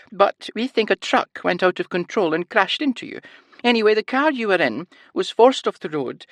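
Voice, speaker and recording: Man putting on an elderly Scottish woman nurse, high sing-song voice, leans on words, very lively, dry audiobook sound. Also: no echo, heavily acted.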